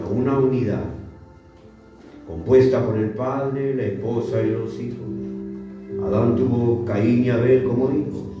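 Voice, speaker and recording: A man preaching a sermon as pastor, emphatic and repeating words for stress. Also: medium pitch. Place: church. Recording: echoey church hall, mic far off, faint music.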